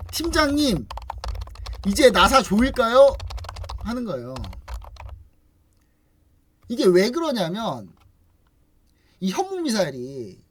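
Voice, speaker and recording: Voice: medium pitch, no echo. An investment channel host in casual explanatory talk, telling it like a story and acting out what others say. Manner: lively storyteller acting out quoted remarks; chatty, frequent rhetorical questions.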